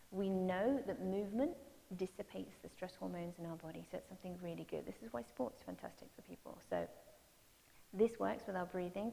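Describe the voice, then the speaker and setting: A woman gently leading parents through mindfulness and movement exercises, giving soft cues to breathe. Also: fairly low pitch, gravelly. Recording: long reverb with faint hiss.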